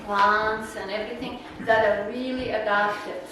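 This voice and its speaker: Mid-range and a little slow, with fairly even intonation, this woman's voice wanders through a casual slide talk for a naturalist club, heavy on fillers and laughs. She has a Czech accent and comes from the Czech Republic. The setting is a meeting room, captured at a distance with echo and noise.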